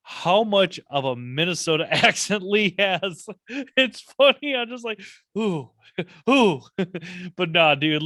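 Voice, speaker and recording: Male podcast host, relaxed rambling delivery, casual cursing, dry close sound. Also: medium pitch, dry recording. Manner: laid-back, swears freely, rambling.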